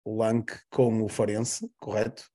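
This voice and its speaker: A man's voice: fairly low pitch, flat delivery, a little slow, mellow, breathy edge. A man with a Portuguese accent, a panelist who talks football on a podcast, going over points and correcting himself as he goes. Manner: repetitive, listing points, self-correcting. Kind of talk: casual podcast football analysis.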